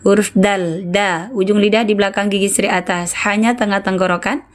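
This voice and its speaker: A woman's voice: mid-range voice, steady tone, fairly quick. A woman teaching Quran recitation in an online lesson, patiently correcting students and repeating syllables to model how they should sound.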